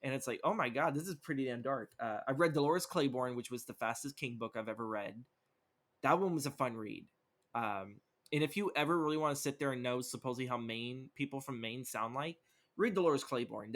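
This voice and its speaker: A man's voice: mid-range voice, a bit bright. A young man co-hosting a podcast, chatting casually about what he has been reading, rambling with lots of fillers and swearing. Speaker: podcast co-host. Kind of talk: casual chat.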